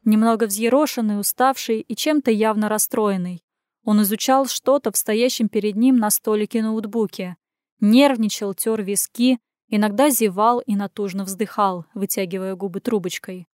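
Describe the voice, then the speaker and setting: Женщина читает аудиокнигу, сухо и ровно. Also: female voice, medium pitch, moderate pace, darkish tone, no room sound, studio quality. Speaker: audiobook reader. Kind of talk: first-person audiobook narration.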